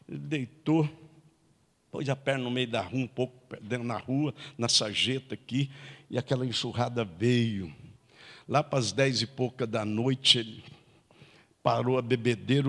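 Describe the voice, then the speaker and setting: A man preaching a sermon in a church, telling a story in a lively way and building to loud, emphatic exhortation. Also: mid-range voice. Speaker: pastor. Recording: church hall reverb.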